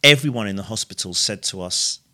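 A middle-aged man, talking candidly on a podcast, halting and repeating himself, now and then swearing. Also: fairly low pitch, expressive, bright, forceful tone. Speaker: podcast co-host sharing his story. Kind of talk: candid conversational podcast talk.

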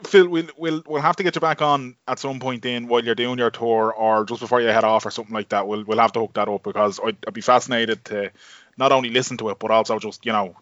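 A man's voice: medium pitch, steady tone, fast, a bit bright, no room sound, dull audio. An Irish man co-hosting a podcast in casual, bantering, sweary chat. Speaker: podcast co-host.

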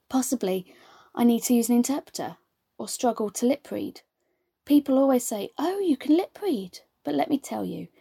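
A woman working as a live sign language interpreter, voicing a deaf speaker's words in the first person with a steady, measured delivery. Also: medium pitch, gravelly, slightly rough, no room sound, clean studio sound.

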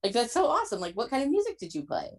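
A woman with a high-leaning voice races along, her pitch swooping wildly as she hosts a podcast. The chat is casual and enthusiastic, and she scatters "like" throughout.

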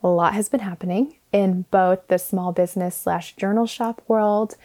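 A young woman talks through her podcast in a relaxed, reflective way, pausing and restarting as she thinks. Her voice is soft and mellow. It comes through muffled and dull from a backup microphone. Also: mid-range voice. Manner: thoughtful, many fillers and restarts. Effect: muffled audio from a fallback microphone. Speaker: podcast host and speech-language pathologist. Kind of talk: casual reflective monologue.

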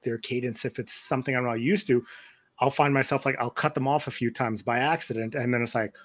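A man hosting a podcast interview, relaxed and a bit hesitant as he asks questions. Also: mid-range voice, fairly quick. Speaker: podcast host. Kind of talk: casual interview chat.

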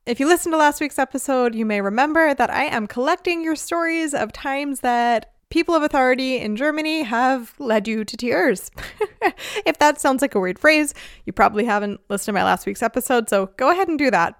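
A woman's voice: fairly high pitch, clean tone, dry recording, studio quality. A woman hosting a podcast, talking in a chatty, upbeat way and laughing easily. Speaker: podcast host. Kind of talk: casual podcast talk. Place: lives in Germany.

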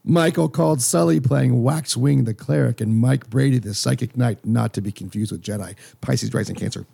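A man's voice: medium pitch, normal speed, vocal fry, warm tone, breathy edge. A man chatting casually and wryly as a player in a tabletop game. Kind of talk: casual chat.

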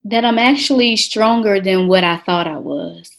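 A woman's voice: mid-range voice, moderate pace, creaky. Woman guest, earnest testimony, emphatic and repeats words. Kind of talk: testimony in an interview.

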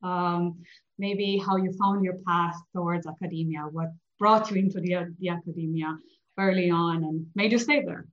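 Woman interviewer, low voice, echoey room, dull lo-fi sound. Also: fairly even intonation, moderate pace. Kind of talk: interview questions.

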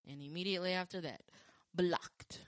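Woman, low and mellow, casual rambling chat with restarts, dry close sound. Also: moderate pace, no echo. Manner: rambling, with frequent restarts and filler; acts out quoted lines with lively pitch jumps. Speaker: podcast talker sharing dating stories.

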